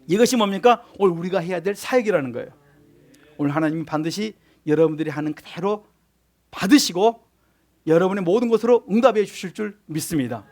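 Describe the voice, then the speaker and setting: A male pastor preaching a sermon in church, often putting questions to the congregation and answering them. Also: sits high. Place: church sanctuary.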